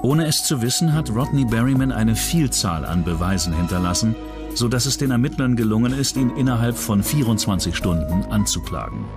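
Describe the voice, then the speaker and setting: With background music underneath, a man reads scripted true-crime documentary narration in pronunciation in a brisk, animated, medium-pitched voice.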